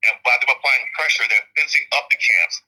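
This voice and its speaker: Speaking fairly quickly in a pushed, bright mid-range voice, an incarcerated man with a Southern Alabama accent is interviewed by phone. His answers are frank and forceful, with frequent repetition for emphasis.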